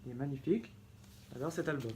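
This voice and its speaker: A man's voice: mid-range voice, fast talker, darkish tone, slight background noise. A man presenting his vinyl collection in a casual vlog, enthusiastic and often correcting himself mid-sentence. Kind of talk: casual show-and-tell vlog.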